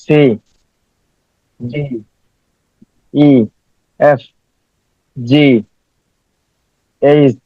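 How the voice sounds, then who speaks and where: Slow, hesitant man with a dull mic. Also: fairly high pitch, little pitch movement, mellow. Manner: hesitant, says one letter at a time. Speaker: student. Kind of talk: reciting letters in class. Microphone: video call.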